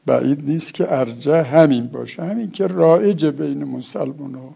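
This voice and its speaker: A man's voice: on the high side, vocal fry, mellow, husky, lo-fi sound. A man teaching a religious law lesson, reading Arabic passages aloud and then explaining them. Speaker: seminary teacher.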